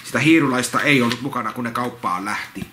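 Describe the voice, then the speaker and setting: A man reading a children's picture book aloud, rambling into repetitive, halting asides and restarts. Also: medium pitch, pushed and bright. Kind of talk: casual read-along with rambling commentary. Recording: roomy echo, faint background noise.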